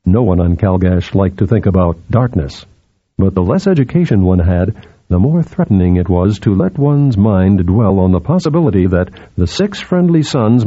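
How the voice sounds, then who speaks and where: Dark-voiced male audiobook narrator. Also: lowish voice, slightly rough, lo-fi sound. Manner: measured storytelling. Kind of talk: scripted narration.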